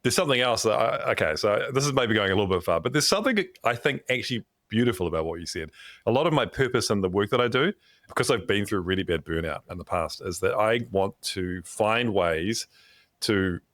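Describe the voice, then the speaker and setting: Male podcast host, lowish voice, reflective and earnest conversation, close dry recording. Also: expressive, a little fast, fairly bright tone, no echo. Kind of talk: reflective conversational interview talk.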